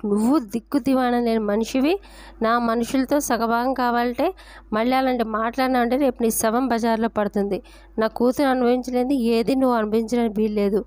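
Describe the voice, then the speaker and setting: A woman's voice: on the high side, fairly even intonation, fairly quick, a little mellow, dry recording, natural voice. A woman voicing a harsh, domineering older mother-in-law in a story reading, scolding and threatening. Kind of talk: storytelling narration.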